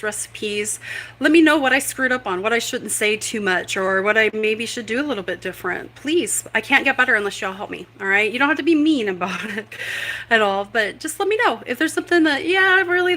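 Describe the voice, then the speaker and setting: On a poor recording, a woman with a high, pushed and bright voice hosts a casual home cooking livestream. She's talkative and rambling, making jokes about herself.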